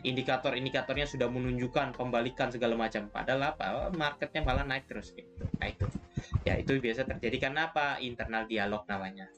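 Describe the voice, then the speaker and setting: A man of ordinary pitch teaches trading in a loose, conversational way, checking in with listeners after nearly every point. Soft music plays faintly behind his voice. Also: fast. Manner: chatty, repeats "ya kan" and "gitu" often. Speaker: trading mentor. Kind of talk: trading lesson.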